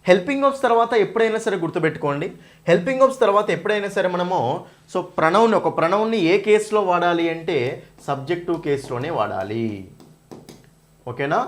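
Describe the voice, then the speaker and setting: A man's voice: a little high, animated, fast. A man teaching English grammar for an exam in Telugu-accented speech, mixing in English terms and asking students questions that he answers himself. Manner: asks students questions and answers them himself, repeats key points. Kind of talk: exam-prep grammar lesson.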